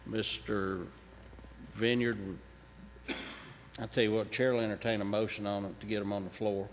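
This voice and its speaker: A man chairing a county committee meeting, briskly calling for motions, seconds and votes. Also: on the low side, flat delivery. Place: large county commission room. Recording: reverberant room, faint noise.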